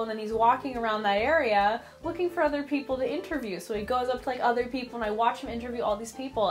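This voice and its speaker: A young woman telling a casual storytime vlog, chatty and self-mocking, full of fillers. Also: a little high. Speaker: cosplay vlogger.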